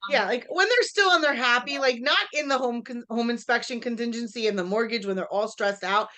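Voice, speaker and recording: Lively woman trainer coaching her audience. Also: fairly high pitch. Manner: energetic, talks straight to the audience, quizzes them; acts out quick dialogues with clients. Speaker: real estate trainer. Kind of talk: live workshop teaching.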